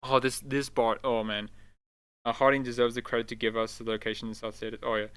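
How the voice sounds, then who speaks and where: A man hosting a casual live stream about games, excitable, swearing often and calling everyone dude. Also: medium pitch, fast, clear, resonant tone, dry recording. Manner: excitable, swears a lot, keeps saying "dude". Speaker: livestream host.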